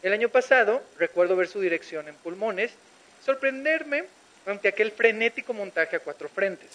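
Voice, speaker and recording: A man with a high voice reads a scripted tribute in a reflective tone. The narration has a steady, prepared delivery. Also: moderate pace, rough recording. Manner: reflective, recalling.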